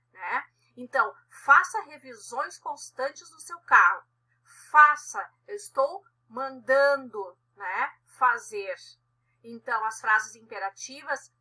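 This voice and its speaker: A woman's voice: high-pitched, pushed and bright, slightly rough. A woman teacher explaining a grammar lesson, checking in often with tag questions.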